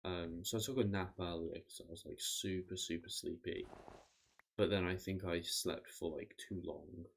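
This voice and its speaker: A man streaming a game, chatting casually and rambling with frequent restarts, his voice tired and going hoarse. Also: deep voice, fairly even intonation, moderate pace, a little hiss or hum. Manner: rambling, self-interrupting, swears casually. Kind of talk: casual gameplay chat.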